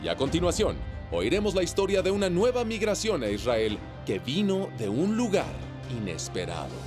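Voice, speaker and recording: A man's voice: on the high side, wildly swooping pitch, moderate pace, music in the background. A man hosting a television show, introducing guests and segments with enthusiastic presenting. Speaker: host.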